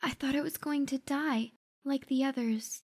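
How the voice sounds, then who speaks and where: A woman's voice: high-pitched, normal speed, a little mellow, no room sound, studio quality. A woman voicing a frightened young girl in an audio drama, speaking in a shaky, fearful way.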